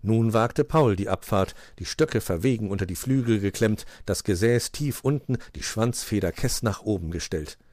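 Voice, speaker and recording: A man's voice: lowish voice, normal speed, few pauses, dry recording, studio quality. A man reading a rhyming children's animal story aloud and giving each creature its own voice. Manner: lively storyteller voicing many animals. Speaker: narrator.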